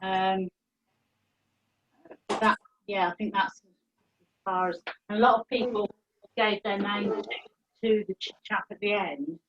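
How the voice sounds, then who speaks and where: A British woman chatting casually on a video call, in a halting, hesitant way. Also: mid-range voice, muffled recording, background noise. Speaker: exercise class participant. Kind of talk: casual chat.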